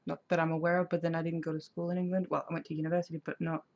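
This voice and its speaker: A woman's voice: low-pitched, little pitch movement, very fast, a little mellow. A woman, chatting casually on a craft live stream and answering viewer comments. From Denmark. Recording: slightly dull lo-fi sound.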